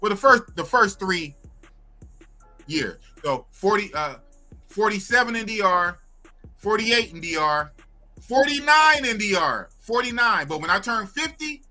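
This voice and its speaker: High-voiced fifty-something man, bright and slangy. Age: 50s. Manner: loose, repetitive, slangy questioning. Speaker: host. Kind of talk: casual chat.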